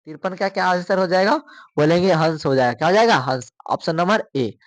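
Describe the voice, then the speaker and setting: A man's voice: high-pitched, fairly quick, no room sound. Teacher man drilling exam questions. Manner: repeats questions, asks viewers to answer.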